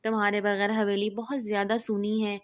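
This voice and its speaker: A woman's voice: mid-range voice, completely flat delivery, no echo, close to an everyday voice. A woman reading the lines of an affectionate older matriarch welcoming a daughter-in-law in a storybook, doting. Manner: warm-hearted, doting.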